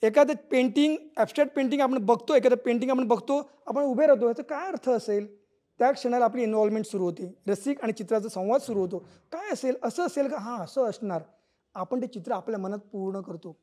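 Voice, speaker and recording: A man's voice: extremely high pitch, fast, dark tone. Middle-aged male cartoonist, live stage lecture, explanatory, acts out lines. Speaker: cartoonist presenting a talk. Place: auditorium stage.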